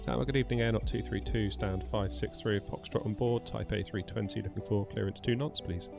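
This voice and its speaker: A man with a low, gravelly voice reads his callsign and clearance requests like a pilot keying a cockpit headset mic. His radio calls are clipped and formulaic, and music plays underneath them. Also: fairly even intonation, a little fast. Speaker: streamer flying a simulated airliner. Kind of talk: pilot radio calls to air traffic control.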